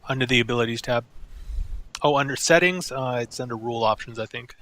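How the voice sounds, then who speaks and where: A man's voice: mid-range voice, brisk, bright, forceful tone. A man running a tabletop game over voice chat, easygoing and hesitant, with lots of fillers and laughter. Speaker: game master.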